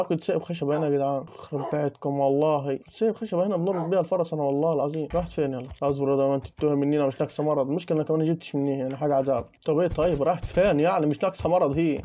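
Egyptian guy talking super fast over a game, kinda high voice, mellow tone, bit of hiss behind. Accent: Egyptian Arabic. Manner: rapid chatter, joking insults at game animals. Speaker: gaming YouTuber. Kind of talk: casual Minecraft let's play commentary.

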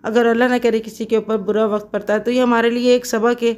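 A woman's voice: a little high, little pitch movement, fast talker, a little mellow. Chatty devout woman vlogging in a kitchen. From Pakistan. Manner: chatty and devout, many fillers. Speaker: cooking vlogger. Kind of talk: casual vlog talk while cooking. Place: home kitchen.

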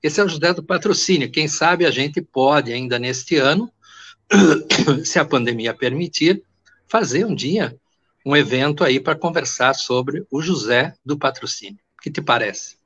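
An older man in his sixties hosting a video call, telling local history in a digressive way and pausing to search for names. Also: a little high, animated, a bit bright, husky. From Porto Alegre, Brazil. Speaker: host and history teacher. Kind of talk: conversational history talk. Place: indoors, home room. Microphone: video call webcam. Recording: muffled video call audio.

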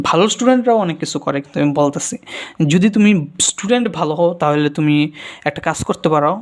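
Earnest young man, soft-spoken vlog advice. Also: a little high. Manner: earnest, talks straight to viewers; speaks quietly at night. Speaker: YouTuber.

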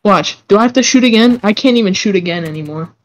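A man's voice: high-pitched, expressive, quick pace, poor audio. A young man teasing and boasting in casual gaming chat over voice chat. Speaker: gaming friend.

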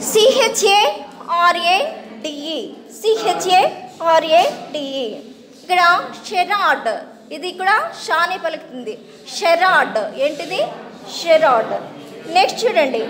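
High-voiced woman teaching English sounds. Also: a bit bright. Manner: spells words out slowly, then repeats the sound; asks students to read aloud. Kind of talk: classroom phonics lesson.

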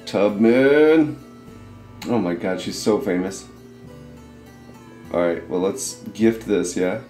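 A man's voice: low-pitched, fairly even intonation, a little slow, mellow. A man giving casual gameplay commentary, swearing and laughing easily. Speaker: let's play co-host. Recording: echoey room, faint game music.

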